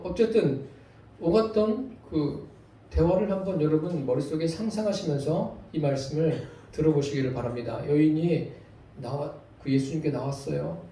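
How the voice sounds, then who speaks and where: Echoey sermon from a mellow male pastor. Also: fairly high pitch. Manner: preaching with rhetorical questions to the congregation. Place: church sanctuary. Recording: very echoey church hall, voice from far off.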